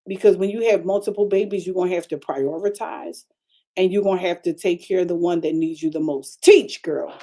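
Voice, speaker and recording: Older woman pastor, animated storytelling sermon. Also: fairly low pitch, fairly quick. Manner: animated, emphatic, talks straight to the audience.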